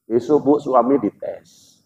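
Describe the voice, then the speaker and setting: A man's voice: medium pitch, takes it slowly, background noise. A man preaching a humorous sermon at a mosque gathering, telling stories and acting out characters. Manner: joking, animated, acts out characters. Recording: dull lo-fi sound.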